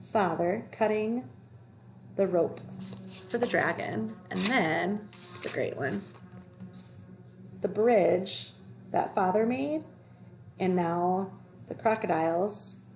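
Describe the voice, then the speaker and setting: A woman with a medium-pitched voice reads a children's story aloud, performing it as an expressive storyteller. There's a little hiss or hum on the recording.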